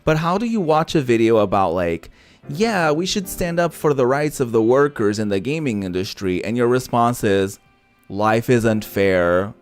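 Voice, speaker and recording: Expressive and medium-pitched, this man talks at a normal speed. A native Portuguese speaker, he streams a visual novel as a gaming content creator, tossing out sassy, opinionated remarks and plenty of swearing against background music.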